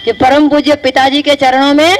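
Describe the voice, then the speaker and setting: Woman, high voice, children's storyteller, lively, quizzes listeners, story-time telling. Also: moderate pace, poor audio.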